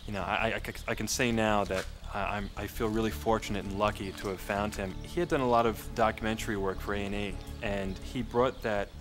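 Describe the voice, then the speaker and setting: A man's voice: lowish voice, fairly even intonation, fairly quick, hardly any pauses, music in the background. A man speaking as a film director in a behind-the-scenes interview, explaining his work in a reflective way.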